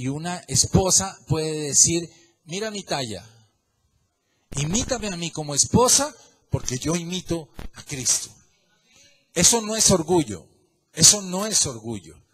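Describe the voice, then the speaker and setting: A middle-aged man preaching a sermon, swinging between loud emphasis and quiet asides and repeating phrases for emphasis. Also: on the high side, breathy edge. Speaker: pastor.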